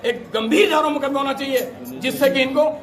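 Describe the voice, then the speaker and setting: A man with a strikingly high voice rattles off a heated protest statement at speed. He accuses and demands, piling up rhetorical questions for the reporters holding a mic to him outdoors. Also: fairly quick, music in the background. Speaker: protesting political worker.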